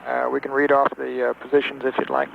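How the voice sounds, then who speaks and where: A man at mission control talking to a spacecraft crew over a narrow-band radio transmission, in clipped, halting radio procedure with many fillers. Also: mid-range voice, little pitch movement, gravelly. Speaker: mission control capsule communicator. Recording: tinny radio link with faint hiss.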